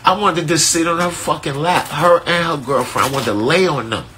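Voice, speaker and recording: A man, telling a story in casual street slang on a live stream from his phone, animated and profane. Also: a little high, moderate pace, a little hiss or hum. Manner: animated, profane, laid-back street slang with frequent "right?". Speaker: artist hosting a live stream.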